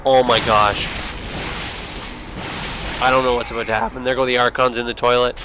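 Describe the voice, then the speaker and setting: A man with a lisp and slushy s sounds, giving excitable live esports commentary and thinking aloud. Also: mid-range voice, very fast, noisy background. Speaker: esports shoutcaster. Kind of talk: live StarCraft match commentary.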